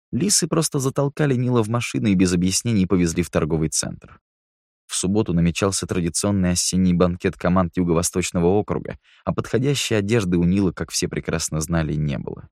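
A man narrating an audiobook in a steady, measured reading voice. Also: sits low, no room sound, clean studio sound.

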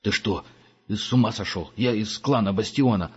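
A man voicing a clever, nervous young lad who chatters quickly and pleads. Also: lowish voice, a little mellow, husky, big-room sound, highs cut off. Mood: frightened.

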